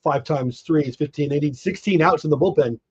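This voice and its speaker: A man hosting a live baseball watch party, excitedly calling plays and chatting with viewers, a bit hoarse as he is losing his voice. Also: a little high, fairly quick, muffled recording. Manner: excited, reacts to plays, talks to chat. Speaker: livestream watch party host.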